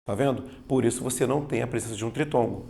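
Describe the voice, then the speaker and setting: Man, teacher, grammar lesson, exam prep, gravelly voice, patient, explanatory, checks understanding. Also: mid-range voice, quick pace, darkish tone. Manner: leans on stressed spoken examples. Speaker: Portuguese teacher.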